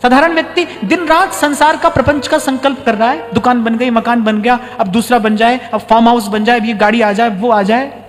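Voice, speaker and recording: A man giving a devotional sermon in a conversational, teaching manner, repeating key lines for emphasis and slowing down on important words. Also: very high voice, fairly even intonation. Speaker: spiritual teacher giving a discourse. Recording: reverberant hall with faint music.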